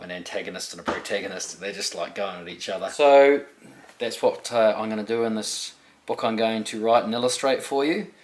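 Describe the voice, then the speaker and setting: Deep-voiced chatty illustrator man. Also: slight background noise, poor audio. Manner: relaxed, chatty, with frequent ums. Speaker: picture book illustrator. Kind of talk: explaining his own artwork.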